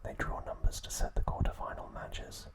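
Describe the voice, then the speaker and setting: Whispering breathily without voicing, this man hosts an ASMR channel and reads from a script in a calm, measured, soothing manner.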